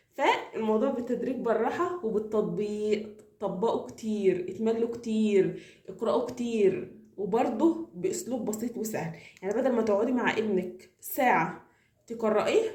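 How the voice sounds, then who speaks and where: A woman with an Egyptian accent who teaches reading, giving tips to parents and drilling with quick repeated questions. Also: fairly high pitch, animated, a little mellow, roomy sound. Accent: Egyptian Arabic.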